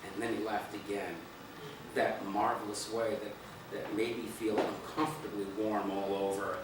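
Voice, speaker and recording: A man reading his own first-person story aloud in a dramatic way, swinging between hushed and loud passages. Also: on the low side, flat delivery, moderate pace, very noisy. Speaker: reader of his own play. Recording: echoey room from far off, faint ambience.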